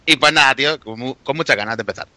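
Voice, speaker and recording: A man's voice: medium pitch, rapid-fire, sharp tone, no echo. A man with an accent from Spain chatting casually as a podcast panelist. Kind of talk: casual chat.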